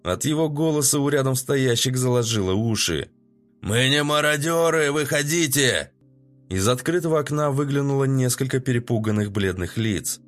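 A man narrates an audiobook in a steady, even reading voice at a medium pitch. Faint music plays softly in the background. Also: a little fast, few pauses.

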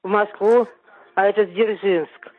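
A woman's voice: mid-range voice, steady tone, measured pace. A woman in her seventies on a phone call, indignant and argumentative, swearing when annoyed, heard over a tinny phone line. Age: 70s. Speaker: prank call target. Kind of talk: phone conversation.

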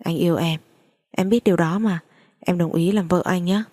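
Woman voicing a pushy possessive man in a spoken story, insistent, coaxing, low voice. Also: steady tone, normal speed, dark tone, natural voice.

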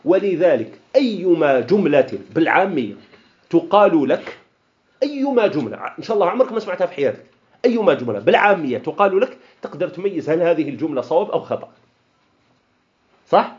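An Algerian man lectures on Arabic grammar in a somewhat high voice whose pitch moves a great deal. He puts questions to the class and answers them himself, switching between classical Arabic and dialect. The recording sounds dull and lo-fi. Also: sing-song, fast, darkish tone. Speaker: Islamic studies teacher. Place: lecture hall of an association.

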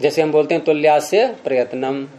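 A mellow, fairly high-pitched man leads a class through a grammar text. He reads lines aloud, then breaks them down slowly and puts questions to his students. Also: fairly even intonation. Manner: patient, questioning students, slows to spell out examples. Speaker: Sanskrit grammar teacher.

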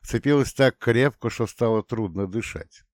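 A man with a mid-range voice narrates an audiobook steadily and in a measured way. The recording is dry, with clean studio sound.

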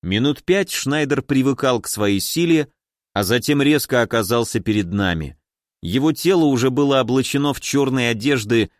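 Brief: male narrator, first-person fantasy audiobook, animated intonation, dry close sound. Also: medium pitch, no echo.

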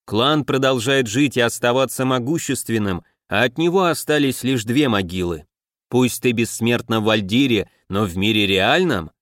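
A man voicing a calm, commanding half-orc king and captain in an audiobook. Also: mid-range voice, normal speed, no echo, clean studio sound, natural voice. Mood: grave.

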